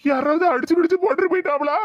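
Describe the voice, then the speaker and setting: A woman's voice: high voice, very fast, no room sound, voice pushed down, lightly acted. Woman doing a village son, dull dry sound. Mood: puzzled. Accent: Tirunelveli Tamil. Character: grown son, easygoing village husband.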